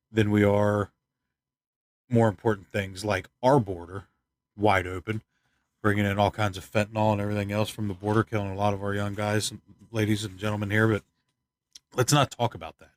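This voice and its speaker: Man, from the United States, stuffed up, hoarse, rambling opinions, low pitch, dry sound. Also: dry recording. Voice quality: hoarse, clears throat often. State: congested, stuffed up. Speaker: channel host. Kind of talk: casual news commentary vlog.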